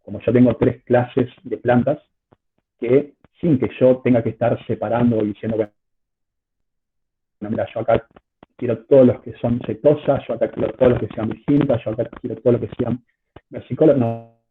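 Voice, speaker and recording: A man's voice: mid-range voice, steady tone, normal speed, breathy edge. A male teacher giving an online class lecture, stumbling over repeated words, his voice coming through choppy, glitchy video-call audio. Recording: tinny call line with faint noise.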